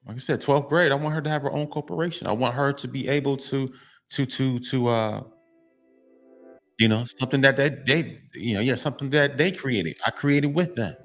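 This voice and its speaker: An earnest man in his thirties speaks to fathers in a motivational monologue. His voice sits at an ordinary middle pitch. He is emphatic and repetitive, restarting his sentences as he presses his point, with soft music playing behind him. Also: moderate pace. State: tearful at times. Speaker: vlogger addressing fathers.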